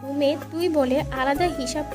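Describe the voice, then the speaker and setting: Brief: high-pitched woman narrator, romance story reading, clear music bed behind. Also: steady tone, unhurried. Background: background music.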